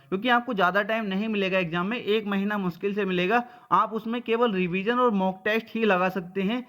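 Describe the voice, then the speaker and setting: Speaking with a high, slightly bright voice, a man updates his students casually in his role as their coaching teacher. His manner is plain-spoken and informal, with frequent quick tags checking they understand.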